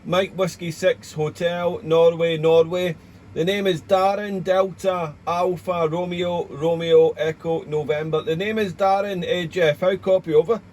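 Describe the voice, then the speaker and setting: Man, high-pitched voice, chatty ham radio operator, courteous, rambling delivery. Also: steady tone, a little slow, darkish tone, slight background noise. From Wales, United Kingdom. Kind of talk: casual ham radio contact with call signs.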